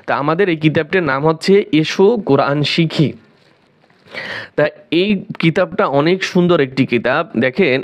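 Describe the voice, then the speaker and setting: A man teaching reading of holy text, spelling short words syllable by syllable with patient, slow repetition. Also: on the high side. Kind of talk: spelling lesson, drilling syllables.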